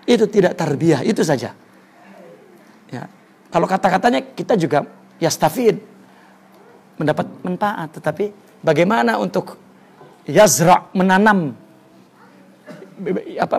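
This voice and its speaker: A man's voice: high voice, expressive, measured pace, gravelly, long pauses, darkish tone, husky. A man teaching a religious study lesson, telling stories, repeating words for emphasis and reciting Arabic before explaining it.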